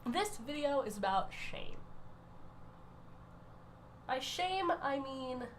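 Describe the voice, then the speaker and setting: A woman who is sick, giving a casual rambling voice-over that keeps breaking off and restarting in quick bursts. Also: high voice, sing-song, slight background noise. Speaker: art channel creator.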